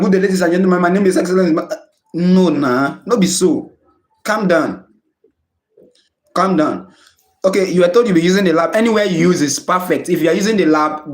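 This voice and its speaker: A man's voice: on the high side, echoey room. A man with a Nigerian English accent teaching students in a chatty live-stream lesson, often laughing at his own jokes and dropping in Pidgin phrases. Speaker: tutor.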